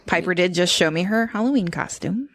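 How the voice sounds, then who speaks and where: A woman hosting a podcast in casual chat, an animated storyteller who laughs often. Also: lowish voice, a little fast. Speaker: podcast host.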